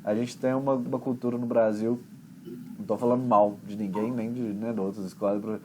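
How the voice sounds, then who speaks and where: A man's voice: lowish voice, level tone, brisk, noisy background. Chatty Brazilian man teaching English. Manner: chatty, explains with homely examples. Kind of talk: conversation class explanation.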